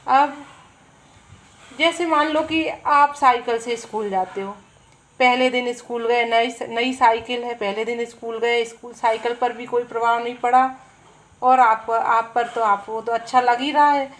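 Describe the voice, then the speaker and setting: A woman's voice: fairly high pitch, fairly even intonation, rough recording. A woman teaching Hindi grammar. She explains with everyday examples, asks questions and answers them herself, and often checks in with "है ना". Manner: drawn-out, deliberate pacing with frequent "है ना" check-ins. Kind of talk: explanatory lesson.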